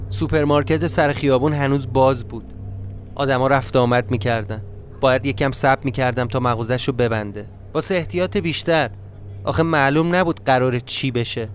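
Male storyteller, brooding first-person narration, faint music bed. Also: mid-range voice. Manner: tense, brooding inner monologue.

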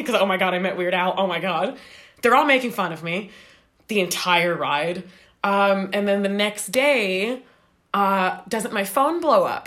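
A young woman from Canada telling a long story in a rambling, animated way, acting out what people said. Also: medium pitch. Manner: animated, rambling, acts out quoted voices. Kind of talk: casual storytelling.

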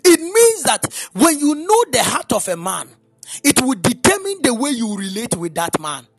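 Pastor, dramatic sung-through sermon, husky dry voice, light music underneath. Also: high-pitched, wildly swooping pitch, normal speed, no echo. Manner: dramatic, half-sung preaching with playful asides to the church. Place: church.

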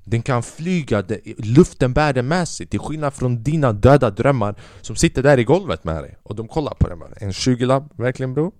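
A man's voice: medium pitch, lively intonation, few pauses, darkish tone, no echo, studio quality. A man hosting a podcast, telling rambling comedic stories full of swearing and acted-out dialogue. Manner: profane, rambling, acts out quoted people. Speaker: podcast host. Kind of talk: casual comedic storytelling monologue.

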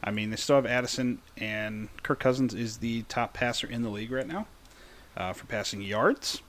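A man's voice: medium pitch, normal speed, a bit bright. A man hosting a casual sports talk, joking and conversational. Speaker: podcast host.

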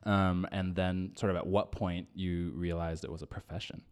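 A man's voice: low voice, level tone, moderate pace, clear, resonant tone. A man born in the Philippines co-hosting a podcast, chatting casually and laughing often with many fillers. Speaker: podcast co-host. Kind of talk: casual chat.

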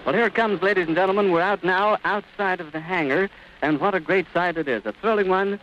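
A man's voice: sits high, a little fast, a bit bright. Man giving 1930s on-scene radio commentary. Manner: vivid descriptive, old-time announcer delivery. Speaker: radio reporter. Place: outdoors at an airfield. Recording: muffled noisy 1930s archive recording.

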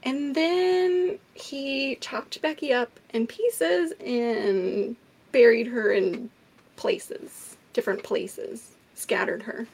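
A woman co-hosting a casual true crime podcast, telling the story in an animated way, swearing and laughing often. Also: a little high, drawn-out words.

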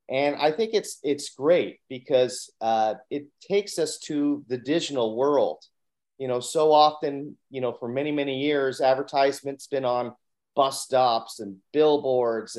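A man's voice: mid-range voice, darkish tone. A man hosting a local podcast, asking questions in an upbeat, enthusiastic way. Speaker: podcast host. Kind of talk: casual interview hosting.

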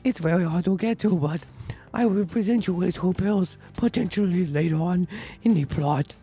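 Parody baby mentor acted by a man: earnest, halting, oddly formal child, high-pitched and soft-toned. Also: husky. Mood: earnest, solemn.

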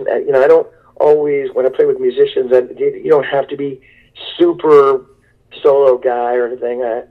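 Guy on speakerphone, thin phone-line sound, rambling and excited, laughs at himself. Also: mid-range voice. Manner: rambling, enthusiastic, self-deprecating. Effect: heard over a speakerphone line. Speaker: guest musician. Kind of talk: phone interview chat.

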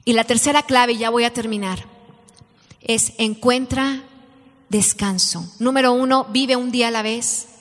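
A middle-aged woman gives a sermon to a gathering of women. Her voice sits high, and it rings with the long reverb of a big hall. She tells stories and keeps asking the audience questions. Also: fairly even intonation, a little slow. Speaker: women's ministry speaker.

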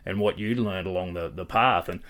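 A man's voice: deep voice, brisk, a bit bright. An Australian man talking casually as a podcast host in an interview chat.

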